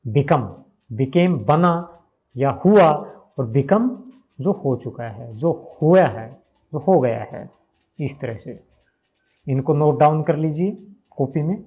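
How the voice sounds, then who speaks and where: Slow, methodical male English teacher. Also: on the high side, a little mellow, highs cut off. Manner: repeats each verb form and gives Hindi meanings. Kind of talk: slow, methodical grammar lesson.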